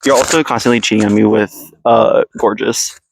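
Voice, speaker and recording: A man co-hosting a podcast in casual chat, teasing in a dry, deadpan way, recorded outdoors on a handheld mic. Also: on the low side, brisk, vocal fry, a little hiss or hum, low-quality recording. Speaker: podcast co-host. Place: outdoors in the woods. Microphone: handheld mic passed between speakers.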